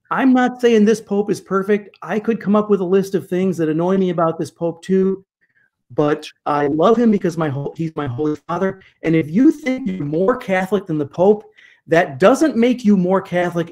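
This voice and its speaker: A man in his fifties, a guest church historian, speaking over a video call from a home study, emphatic and animated with rhetorical questions. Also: high voice, moderate pace. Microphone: video call webcam.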